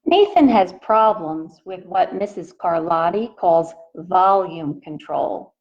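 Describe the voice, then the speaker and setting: Slow-paced woman reading aloud to children. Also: on the low side, dull audio. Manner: deliberate, expressive, addresses young listeners directly. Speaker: teacher reading a picture book aloud to children. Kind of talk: read-aloud storytelling for young children.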